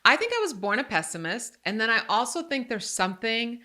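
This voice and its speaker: A woman's voice: fairly high pitch, big pitch swings, fairly quick, sharp tone. A woman in her forties from Croatia hosting a podcast, talking in a candid, self-deprecating and joking way. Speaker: podcast host. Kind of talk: casual podcast chat.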